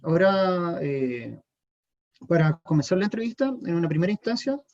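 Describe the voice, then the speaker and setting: A man with a Chilean accent, an interviewer asking questions in a deliberate, halting way over a video call. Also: on the high side, lively intonation, darkish tone, muffled recording. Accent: Chilean Spanish.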